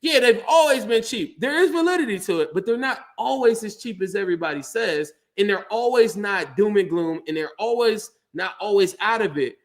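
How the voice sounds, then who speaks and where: A man hosts a casual sports talk show, with a noticeably high voice. He talks in an animated, rambling way, piling clauses on top of each other and repeating words as he goes. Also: a little fast, few pauses. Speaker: sports podcast host.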